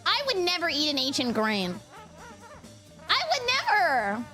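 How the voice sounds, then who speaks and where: A woman streamer chatting casually with her viewers, giggly and excitable, laughing often and thanking donors. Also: high-pitched, measured pace, faint music behind. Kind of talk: casual live-stream chat.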